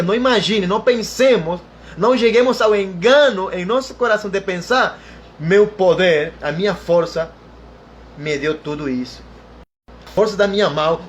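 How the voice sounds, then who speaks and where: A man with a rather high voice delivers a sermon, repeating key phrases and calling on his listeners as brothers. His emphatic preaching carries over a faint background ambience. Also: slight background noise. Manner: repetitive, emphatic preaching with frequent "irmão" and "aleluia".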